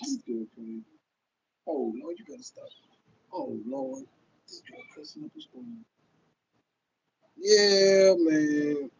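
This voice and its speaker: A high-pitched man in his thirties with a very lively voice that jumps around, ranting on a livestream. He is loud, profane and laughing as he talks to his viewers. The audio is dull and lo-fi. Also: slow, gravelly, pauses often, slightly rough. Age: 30s. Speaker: livestream host. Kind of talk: casual livestream rant.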